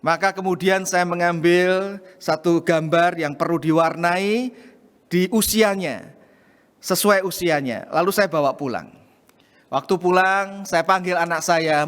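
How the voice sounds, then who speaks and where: Brief: middle-aged male preacher, high voice, lively storytelling, church hall reverb. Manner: storytelling, animated rises when excited. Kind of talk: sermon.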